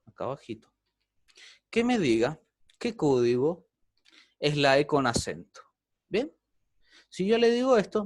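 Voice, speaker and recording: A man's voice: a little high, a little mellow, dry recording, clean studio sound. A man teaching an online programming class, explaining step by step and often checking in with the students.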